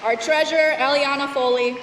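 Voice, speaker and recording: A woman's voice: high-pitched, steady tone, brisk. A woman class advisor giving a ceremony speech, thanking the class officers and reading out their names. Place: large school gymnasium. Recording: echoey gym from far off, loud crowd. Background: crowd noise.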